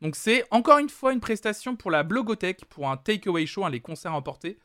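A man's voice: sits high, very animated, brisk, bright, forceful tone, no echo, studio quality. A man hosting a live music stream, chatting casually with lots of hesitant fillers. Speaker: streaming music show host.

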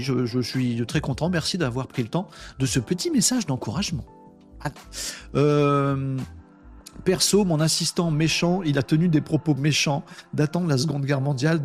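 Male streamer, tired, chatty, slightly high voice, faint music under. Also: a little mellow. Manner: chatty, reads viewer comments aloud, playful asides. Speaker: livestream host reading chat. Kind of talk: casual live chat.

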